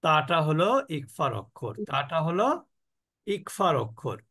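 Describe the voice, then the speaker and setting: Bangladeshi guy teaching quran recitation online, high voice, asks then answers himself, drags out the sounds. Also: lively intonation, sharp tone. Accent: Bangladeshi Bengali. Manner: explains rules, then drags out sounds very slowly for the class to copy; asks the class questions and answers them himself. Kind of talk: online tajweed lesson with slow recitation drills.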